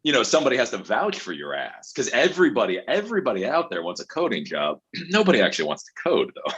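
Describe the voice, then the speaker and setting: A man's voice: medium pitch, huge pitch swings, fast, fairly bright tone, husky, lo-fi sound. A man hosting an open mic call-in show over a video call, chatting casually, blunt and swearing freely. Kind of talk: casual chat.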